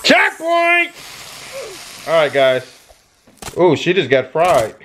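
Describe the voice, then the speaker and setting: Man, middle-aged, high voice, lively swoops, gaming commentary, headset mic. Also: slow pace, faint music behind. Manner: animated, with excited shouts and yelps. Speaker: gaming YouTuber. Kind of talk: casual gameplay commentary.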